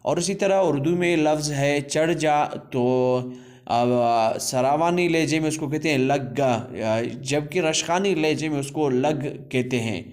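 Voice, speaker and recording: A man from Balochistan, Pakistan, giving a language lesson, talking slowly and deliberately, repeating words for learners and pausing with hesitation sounds. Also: on the high side, darkish tone. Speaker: language teacher.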